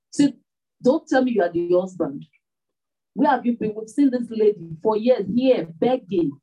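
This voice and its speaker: Woman preacher, husky and mellow tone, mic set back, for an animated sermon read. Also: medium pitch, recorded from a distance, low-quality recording. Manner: animated preaching with repeated rhetorical questions.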